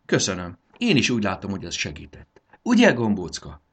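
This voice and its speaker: A man voicing a kind little fairy girl who fusses gently over a sick creature. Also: sits low, huge pitch swings, husky, full character voice. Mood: cheerful.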